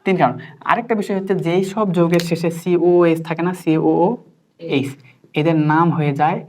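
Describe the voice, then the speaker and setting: A woman, teaching chemistry at a brisk clip. She quizzes her student line by line, coaxing answers and checking again and again that it has sunk in. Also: lowish voice, a little hiss or hum. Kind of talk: interactive tutoring lesson.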